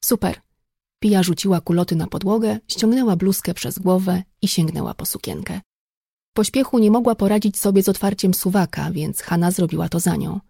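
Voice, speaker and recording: A woman reading an audiobook in steady, even scripted narration. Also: lowish voice, a little fast, gravelly, breathy edge, dry recording, clean studio sound.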